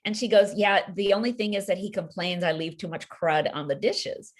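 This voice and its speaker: A woman author being interviewed over a video call, telling a story in an animated way and acting out the voices of the people she quotes. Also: mid-range voice, normal speed.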